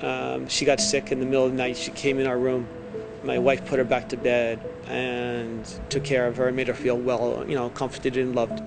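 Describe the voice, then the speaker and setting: Gravelly man, music behind him. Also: mid-range voice, completely flat delivery, normal speed, low-quality recording. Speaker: teacher. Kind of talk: interview-style storytelling and explanation.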